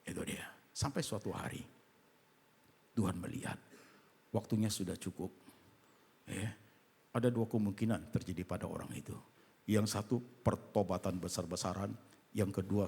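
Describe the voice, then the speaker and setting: Impassioned male pastor, preaching with English asides; gravelly tone, roomy auditorium sound. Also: lowish voice, moderate pace, pauses often. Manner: mixes English phrases into his preaching; impassioned, swinging between loud exhortation and hushed asides. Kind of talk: sermon. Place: large church auditorium. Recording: echoey hall with soft music behind.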